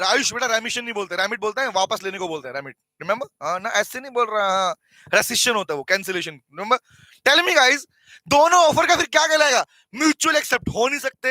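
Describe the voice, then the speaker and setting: High, bright Indian male lecturer. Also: no room sound, poor audio. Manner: animated, teasing, calls students by name; repeats key phrases slowly for notes. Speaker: teacher. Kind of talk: online classroom lecture.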